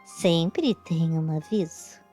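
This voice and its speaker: A woman voicing an eerie costumed theme-park worker in a low, slow, ominous voice. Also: sing-song, gravelly, faint music behind, heavily acted. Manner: low, slow and ominous, sometimes near a whisper.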